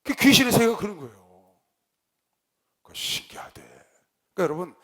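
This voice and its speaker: A male pastor preaching, telling a story with lively swings between loud outbursts and quiet low asides. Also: breathy edge. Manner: animated storyteller, shouts quoted lines, drops to low asides. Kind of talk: sermon with storytelling.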